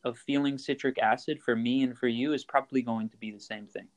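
Male interview guest, mid-range voice, relaxed explainer who restarts his sentences. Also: medium pitch, brisk. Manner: explains steps plainly, frequent fillers and restarts. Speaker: coffee roaster, guest. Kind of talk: casual interview chat.

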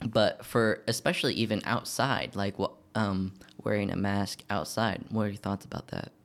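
A man's voice: fairly low pitch, steady tone, moderate pace, vocal fry, fairly bright tone. A man hosting a casual podcast discussion, talking hesitantly with many fillers. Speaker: podcast host.

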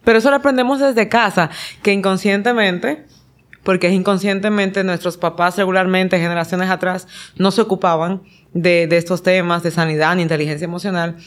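A woman's voice: fairly low pitch, steady tone, a little fast. Encouraging woman podcast host. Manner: encouraging, guiding the talk with affirmations. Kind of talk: conversational podcast interview.

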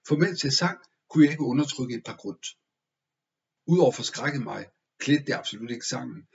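Guy reading a story out loud, expressive and steady, mid-pitched, kinda dull lo-fi audio. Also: gravelly. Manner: measured, expressive first-person storytelling. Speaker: audiobook narrator. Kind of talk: scripted story narration.

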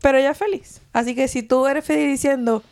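A woman's voice: high-pitched, fairly even intonation, a little fast, darkish tone. A woman with a Venezuelan accent, co-hosting a podcast in casual chat, playful and teasing. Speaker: podcast co-host.

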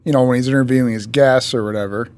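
A man's voice: medium pitch, steady tone, quick pace, a little mellow. Laid-back male podcast host. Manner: loose, joking, swears casually. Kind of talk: casual chat.

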